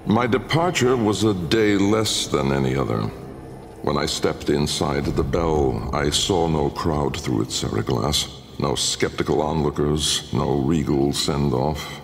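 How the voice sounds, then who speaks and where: A brooding older male inventor, haunted and aristocratic, narrates his memoir in a deep, slow, creaky, exaggerated voice with a little hiss or hum. Bitter and reflective, he speaks grandiloquently and deliberately, pausing for weight, as theatrical narration with long cavernous reverb under music.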